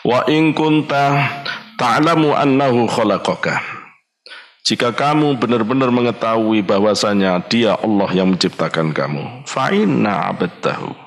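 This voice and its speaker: A man with a Javanese accent, a kyai preaching an Islamic study sermon, blunt and scolding, with slow chanted Arabic recitation. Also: creaky. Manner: emphatic, scolding and blunt, often jumping high in pitch. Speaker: kyai, religious teacher.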